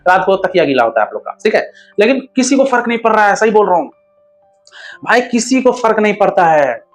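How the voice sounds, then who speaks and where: A man's voice: high voice, big pitch swings, a little fast, faint music behind. A man hosting a relationship advice talk, speaking bluntly and crudely, scolding viewers like a brother.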